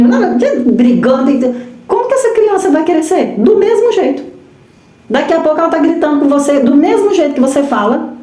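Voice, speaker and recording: A woman's voice: a little high, warm tone. Brazilian woman, women's ministry speaker; emphatic sermon delivery, rhetorical questions, roomy echo. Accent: Brazilian Portuguese. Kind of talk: sermon on marriage and parenting. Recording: echoey room.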